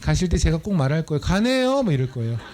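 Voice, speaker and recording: A male missionary leads a lively Bible study sermon in a church, talking very fast in a somewhat high voice. He's playful and teasing, acting out voices as he explains scripture.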